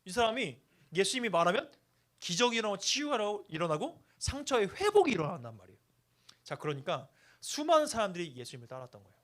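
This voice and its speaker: A man's voice: sits high, sing-song, quick pace, a bit bright. A young man from Chungcheong, a youth pastor giving a playful sermon to teenagers, joking and acting out dialect quotes. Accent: Seoul Korean, with Chungcheong traces. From Chungcheong, Korea.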